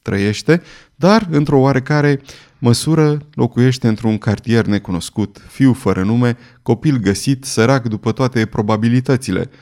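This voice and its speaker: A man's voice: medium pitch, darkish tone, natural voice. Cold commanding queen, ruthless schemer in a storybook reading, read by a man; casting: plain audiobook reader doing her lines. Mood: dismissive. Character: scheming ruthless queen, middle-aged woman.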